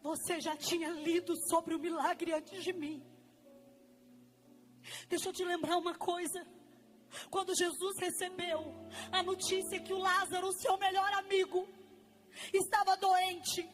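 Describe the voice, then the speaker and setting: A woman's voice: extremely high pitch, level tone, measured pace, pauses often, soft background music. A woman preacher with a Brazilian Portuguese accent giving an impassioned sermon and repeating key phrases.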